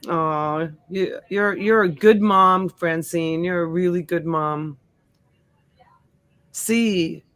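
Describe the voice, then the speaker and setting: A middle-aged woman, Italian by first language, hosts a live-stream auction, chatting casually with viewers, greeting them by name, and using lots of fillers. Her lowish, slightly bright voice moves slowly, recorded dry on a USB desk mic.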